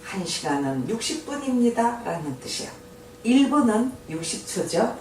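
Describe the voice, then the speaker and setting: An older woman teaches English with patient care, drawing every phrase out slowly before she explains it. Her fairly high voice rises and falls in a lively way. She sounds far from the mic in an echoey room, with a faint hiss behind her. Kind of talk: slow spoken English lesson.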